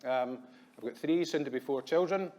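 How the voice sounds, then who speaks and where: A man in his thirties from Glasgow with a Glaswegian accent, giving a quick, chatty business presentation at a conference with plenty of ums. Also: mid-range voice, warm tone. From Scotland. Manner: quick, chatty, self-deprecating, many ums. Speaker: conference speaker. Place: hotel conference room.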